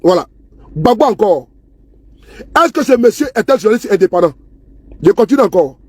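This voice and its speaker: A man's voice: sits high, big pitch swings, moderate pace, breathy edge, dry recording. A man giving casual, scornful political commentary to camera, repeating himself and asking viewers if they see. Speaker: political vlogger. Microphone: phone or camera he handles himself.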